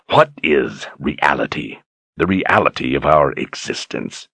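A man voicing a menacing, brutish male tyrant with a deep, grating voice, taunting his captives slowly and with mocking calm. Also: gravelly, slightly rough, no room sound, heavily acted. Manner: mocking, taunting, slow and deliberate.

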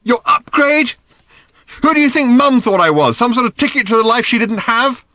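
A man reading an audiobook voices a volatile teenage girl, shouting and petulant. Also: high-pitched, expressive, normal speed, dry recording, studio quality, pitched above the performer's own voice. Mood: furious.

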